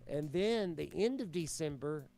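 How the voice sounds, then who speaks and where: A man, a streamer guest, chatting casually in an interview and telling his story in an animated way, with the odd swear word. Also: fairly high pitch, measured pace, gravelly, a little hiss or hum.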